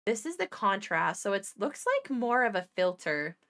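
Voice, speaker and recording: A woman's voice: medium pitch, very animated, normal speed, fairly bright tone. A woman who used to be an ICU nurse, telling stories in a chatty, profane way while painting miniatures. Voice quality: chatty, profane, laughs often.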